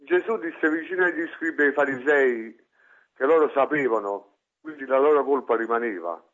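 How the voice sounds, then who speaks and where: A man's voice: mid-range voice, moderate pace, a bit bright. A man calling in to a radio show over the phone, polite and hesitant, often repeating his words. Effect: heard over the phone. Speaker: radio call-in listener. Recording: dull, muffled phone line.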